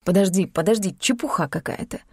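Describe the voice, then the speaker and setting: A woman's voice: mid-range voice, brisk, slightly rough, no echo, studio quality, lightly acted. A woman reading an audiobook, voicing a nervous man who speaks in clipped, urgent phrases. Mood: worried urgent.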